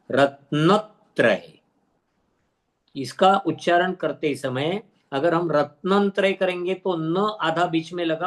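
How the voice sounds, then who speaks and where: A man teaches a class of teachers over a video call, and his voice sits a little above the usual male pitch. He builds each point by asking a question and then answering it. When he reaches a hard word he slows down and repeats it carefully so the teachers get it right. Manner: drills careful pronunciation, repeating words slowly. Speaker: teacher trainer. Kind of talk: online teacher-training lesson.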